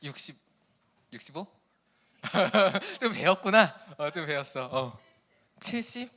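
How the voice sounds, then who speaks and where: Young male youth pastor, high and bright, chatty and playful with teens. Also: big pitch swings, takes it slowly. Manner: playful, chatty, asks the kids questions. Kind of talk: casual sermon to teenagers.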